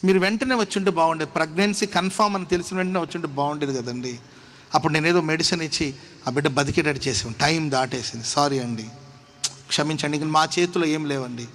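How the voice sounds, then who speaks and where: A male preacher voicing a regretful doctor who apologizes softly. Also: a little high, quick pace, slight background noise. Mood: apologetic.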